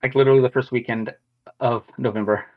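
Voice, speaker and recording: A man's voice: medium pitch, fairly even intonation, quick pace. A man co-hosting a podcast in casual chat, rambling and slangy. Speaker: podcast co-host. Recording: dull lo-fi sound.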